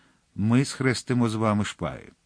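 A man reading aloud and voicing a stern, weary nobleman swordsman, speaking slowly and solemnly. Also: on the low side, lively intonation, no room sound, clean studio sound. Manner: slow, solemn, measured delivery.

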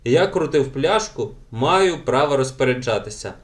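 A man's voice: medium pitch, animated, normal speed, natural voice. A man voicing a cocky young boy who insists on the rules in a raised voice. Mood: stubborn.

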